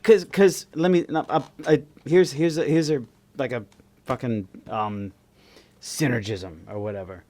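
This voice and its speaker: A man's voice: mid-range voice, measured pace, dark tone. Man, podcast co-host; loose, profane, rambling delivery. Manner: rambling, swears freely, lots of restarts. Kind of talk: casual chat.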